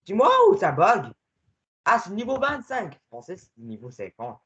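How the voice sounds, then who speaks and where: A man giving casual gaming commentary while playing with a friend, excitable and swinging between muttering and shouting. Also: high-pitched, normal speed, dull audio.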